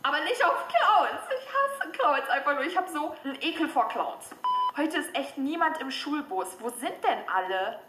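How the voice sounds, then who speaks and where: A young woman hosting her own channel, reading scary chat messages aloud in a lively, excitable way. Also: sits high, moderate pace. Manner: lively and excitable, squeals and laughs at scary parts. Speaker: horror chat YouTuber. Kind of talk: reading out scary chats to viewers. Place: room at home, sitting on a stool. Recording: echoey room, faint background noise.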